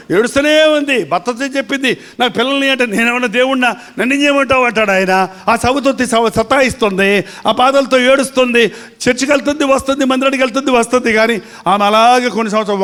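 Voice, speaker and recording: A man preaches a sermon in a dramatic, emphatic style. His voice is fairly high for a man, and he keeps asking his listeners rhetorical questions. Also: a bit bright. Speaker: pastor.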